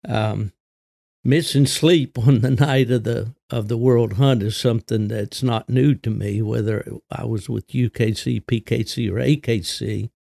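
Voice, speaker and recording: An older man with a gravelly voice, hosting a solo podcast in a folksy, unhurried, conversational way. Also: medium pitch, fairly even intonation, dark tone, dry recording, studio quality. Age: 60s or older. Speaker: podcast host.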